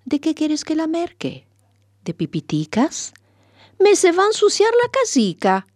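A woman's voice: high voice, wildly swooping pitch, measured pace, darkish tone, no room sound, clean studio sound, pitched above the performer's own voice, full character voice. A woman voicing a fussy little old woman in a children's rhyme tale, in a sing-song manner.

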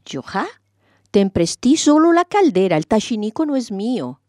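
A woman voicing an indignant neighbor woman who scolds in a shrill, exasperated tone in a told folk tale. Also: big pitch swings, moderate pace, dark tone, no room sound, clean studio sound. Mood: scolding.

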